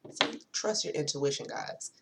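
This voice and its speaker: Woman, low voice, relaxed chatty vlogger who swears offhand. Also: measured pace, gravelly. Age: adult with a daughter. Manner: chatty, swears casually, addresses viewers as y'all. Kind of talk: casual chat to camera.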